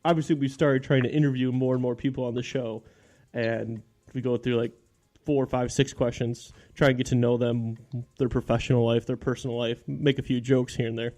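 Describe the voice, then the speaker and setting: A man's voice: mid-range voice, level tone, a little fast, warm tone. Man hosting a casual podcast, frequent laughs, home basement setup, good microphone. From Michigan. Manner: laughs often, friendly banter. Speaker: podcast host. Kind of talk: casual chat. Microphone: studio microphone.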